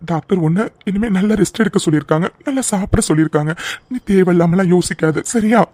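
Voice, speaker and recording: A gentle cartoon husband, played by a man, pleads and soothes in a mellow, somewhat high voice. The sound is dry and close. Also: quick pace, no room sound. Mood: soothing. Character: caring young husband comforting his wife. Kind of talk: cartoon voice acting.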